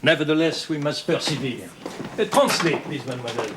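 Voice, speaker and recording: An actor playing a fussy, patient teacher with a theatrical, coaxing manner, in a period TV drama. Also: male voice, a little high, expressive, a little fast, very noisy, lightly acted.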